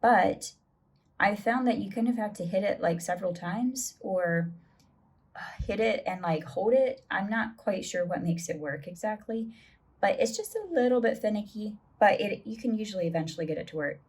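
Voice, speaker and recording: A woman hosting a screen-recorded tutorial, explaining an app step by step in a relaxed, chatty way. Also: mid-range voice, moderate pace, husky. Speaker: tutorial host.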